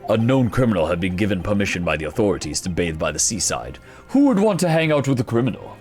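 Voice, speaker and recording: A man reading a story game's dialogue in a measured, formal delivery. His voice is very low but moves expressively, and game music plays clearly behind him. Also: very animated.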